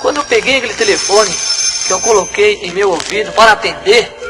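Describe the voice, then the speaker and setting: Pastor with high voice. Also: male voice, a little fast, poor audio. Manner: repetitive, dramatic retelling. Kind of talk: religious testimony. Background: music.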